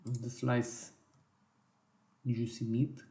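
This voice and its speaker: A man teaching a software design tutorial in slow, step-by-step instructions with small self-corrections, his voice worn and going hoarse. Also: mid-range voice, completely flat delivery, reverberant. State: losing his voice. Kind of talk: screen-recorded software tutorial.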